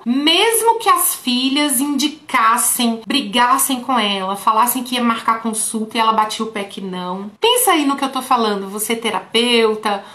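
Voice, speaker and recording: Woman therapist chatting to her viewers, kinda high voice, echoey room. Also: a bit bright. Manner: talks straight to viewers, often saying "folks". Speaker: therapist teaching other therapists. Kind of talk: casual teaching through a patient story. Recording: roomy echo.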